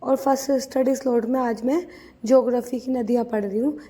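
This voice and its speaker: A woman's voice: fairly high pitch, steady tone, a little fast, warm tone. A young woman from India talking earnestly and casually to her viewers in a study vlog, with many fillers and restarts. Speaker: vlogger studying for a teaching exam.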